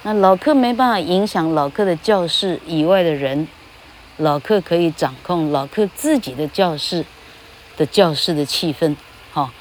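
A woman's voice: fairly low pitch, lively intonation, moderate pace, slight background noise. An older woman, a retired English teacher giving a casual spoken monologue, speaking of herself in the third person and tagging her phrases with little "ha" sounds.

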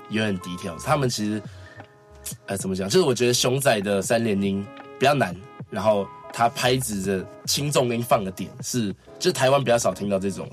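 Fast-talking young Taiwanese man. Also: fairly low pitch. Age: 20s. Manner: quick, eager, restarts often. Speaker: guest singer. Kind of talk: casual podcast chat.

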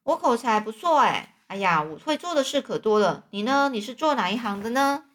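A woman's voice: fairly high pitch, animated, fairly quick, fairly bright tone. A woman storyteller voicing a melodramatic young male drifter who boasts and then laments his fall in a theatrical, mournful way. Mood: boastful.

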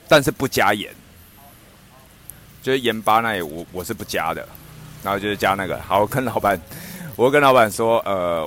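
A man casually telling a funny anecdote, laughing often and acting out what others said. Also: on the low side. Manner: animated, laughs often, acts out quoted speech. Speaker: storyteller in a podcast chat.

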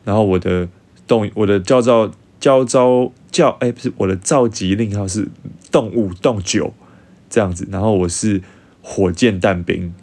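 A young man with a Taiwanese Mandarin accent, telling an animated story casually to his viewers. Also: lowish voice, normal speed. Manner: animated, acts out dialogue in changed voices. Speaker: vlogger.

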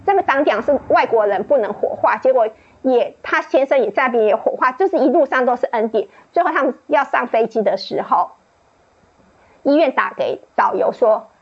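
A woman sharing a personal faith testimony in a book club, telling her story casually with many restarts and fillers. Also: slightly rough. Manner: laughs often, rising high when laughing. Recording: dull lo-fi recording.

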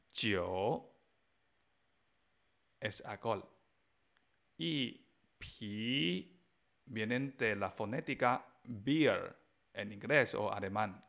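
Guy teaching a language podcast, super slow and patient, spelling out tones bit by bit. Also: lowish voice, vocal fry, fairly bright tone. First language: Mandarin Chinese. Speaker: Chinese teacher.

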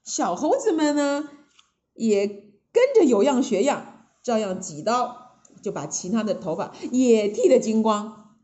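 A woman storyteller narrating a children's classic tale with lively exclamations. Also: fairly high pitch, measured pace. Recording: muffled lo-fi recording.

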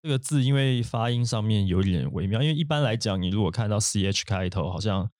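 A man's voice: on the low side, lively intonation, fairly quick, a little mellow, no echo, clean studio sound. A man hosting an English vocabulary lesson, explaining at length with fillers and asides. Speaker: podcast host.

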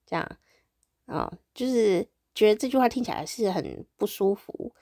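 This podcast host is a woman with a Taiwanese Mandarin accent who tells everyday stories on her own show in a casual monologue. Her mellow, medium-pitched voice has lively intonation and a moderate pace. She sounds chatty, upbeat and easily amused, recorded in studio quality with no echo.

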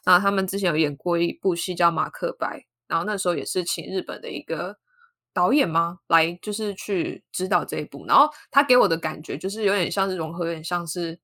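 A woman's voice: fairly low pitch, brisk. A woman with a Taiwanese Mandarin accent chatting casually and slangily, mixing in English words. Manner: slangy, animated reactions.

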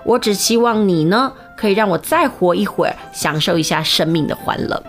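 A woman's voice: medium pitch, expressive, a little fast, faint music behind, natural voice. A woman voicing a thousand-year-old female fox spirit disguised as a maid, pleading and plaintive. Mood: sorrowful.

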